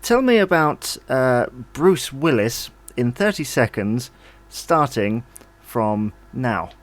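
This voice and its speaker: A man's voice: mid-range voice, lively intonation, takes it slowly. A man hosting a podcast, introducing quiz rounds in an easygoing, casual way. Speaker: podcast host.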